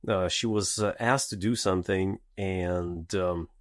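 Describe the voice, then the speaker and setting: A man's voice: low voice, steady tone, measured pace, dry recording, studio quality. A man speaking as a guest on a podcast, telling stories about his kids in casual conversation, hesitant and full of fillers and restarts. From Russia.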